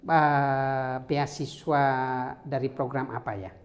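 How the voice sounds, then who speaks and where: A priest hosting an interview, asking questions in a measured way. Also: male voice, mid-range voice, flat delivery. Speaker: podcast host, priest.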